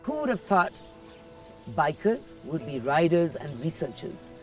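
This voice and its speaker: A woman who works in the fashion industry, speaking in a reflective documentary interview in an earnest, measured way with emphatic repetition. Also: sits low, very animated, soft background music.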